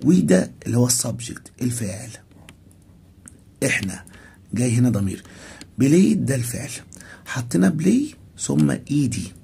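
Gravelly Egyptian teacher explaining grammar. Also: male voice, medium pitch, big pitch swings, moderate pace, pauses often, dark tone. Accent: Egyptian Arabic. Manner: asks students' questions aloud, then answers them himself; repeats each English term, then translates it. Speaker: English teacher. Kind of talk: primary school English grammar lesson.

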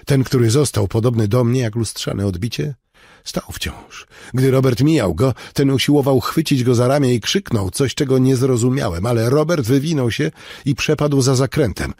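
A man reading an audiobook in measured, somber first-person narration. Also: medium pitch, a little mellow, slightly rough, dry recording, clean studio sound.

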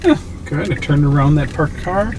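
A man hosting his own channel, narrating casually while driving, excited and chatty with lots of fillers, recorded inside a moving car on a mounted camera. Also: on the high side, normal speed. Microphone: camera on a suction mount. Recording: noisy car interior. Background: car road noise.

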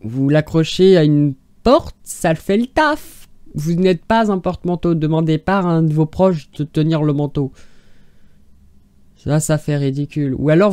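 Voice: mid-range voice, dark tone, smooth, no echo. A YouTuber mocking online classified ads in casual commentary. The speaker sounds exasperated and sarcastic and rambles with restarts.

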